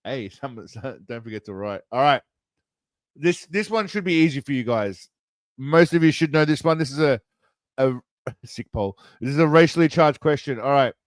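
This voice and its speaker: A man's voice: medium pitch, expressive, moderate pace, no echo. A tipsy man hosting a casual livestream quiz, rambling, swearing and reading answer options aloud. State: tipsy, self-described as wasted. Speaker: streamer running a quiz.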